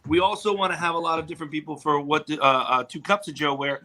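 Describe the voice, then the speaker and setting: A man in his forties hosting a casual chat, telling stories with lively acted-out quotes. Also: fairly high pitch, fast. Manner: animated storytelling, acts out quotes loudly. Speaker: host.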